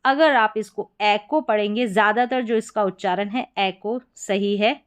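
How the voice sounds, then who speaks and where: A woman's voice: medium pitch, a little slow, clean tone. A woman teaching English reading, patiently spelling words out letter by letter and repeating each pronunciation. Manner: repeats words and checks in with short affirmations. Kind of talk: explaining spelling patterns step by step.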